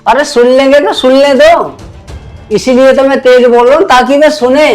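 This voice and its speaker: A man's voice: normal speed, faint music behind. A man playing a pushy, bullying landlord. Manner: loud, bullying, later sly and low. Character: pushy lecherous male landlord demanding rent. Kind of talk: low-budget comedy film acting.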